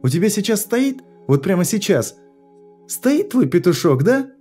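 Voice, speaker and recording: Man putting on a young woman snapping back, audiobook, pitched up, soft music behind. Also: sing-song, a little slow, husky, full character voice. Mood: angry. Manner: sharp, indignant retorts. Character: frightened, angry young woman trapped in a lift.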